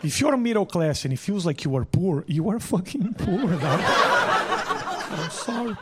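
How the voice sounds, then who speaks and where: Performing stand-up before a live audience, this man with a Brazilian accent and Portuguese as his first language sounds high, animated and moderately paced. He hammers his lines home, repeats them, and swears without restraint, while loud noise and laughter fill the very noisy recording.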